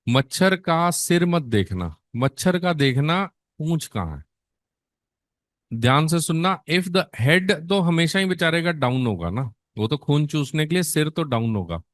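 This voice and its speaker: A man's voice: on the high side, big pitch swings, measured pace, dry recording, studio quality. A middle-aged man teaching a nursing exam class, quizzing students in Hindi mixed with English and answering his own questions in a coaxing tone. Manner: coaxing, quizzes students and answers himself, calls them beta.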